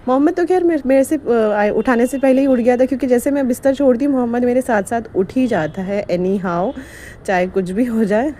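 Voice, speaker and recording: A chatty woman, rambling from one detail to the next. Her voice is soft and mellow rather than bright. A faint hiss sits under the voice-over. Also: a little high, a little fast. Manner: chatty, rambling storytelling with frequent laughs. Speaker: vlogger. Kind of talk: casual vlog narration.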